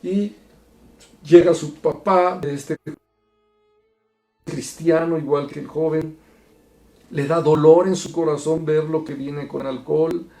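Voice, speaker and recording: A man teaching a Bible study in an earnest, preacherly way, going from soft to emphatic. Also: on the high side, steady tone, takes it slowly, long pauses, faint music behind. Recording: echoey room.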